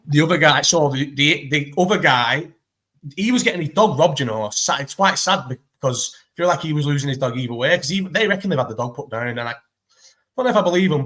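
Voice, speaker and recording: A man chatting casually as a guest, talking fast in a rambling way, swearing a lot and restarting his sentences. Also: fairly high pitch, fairly bright tone. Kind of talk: casual chat.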